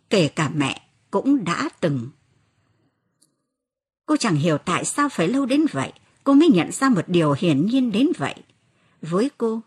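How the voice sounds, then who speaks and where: A woman narrating an audiobook novel in an expressive reading voice. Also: lowish voice, breathy edge. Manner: expressive reading, lifts her voice for quoted cries.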